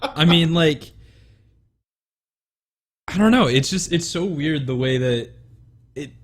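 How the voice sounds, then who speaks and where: A man's voice: fairly high pitch, expressive, slow pace. A man co-hosting a podcast in casual, rambling chat with many fillers. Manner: rambling, full of fillers and restarts. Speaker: podcast co-host.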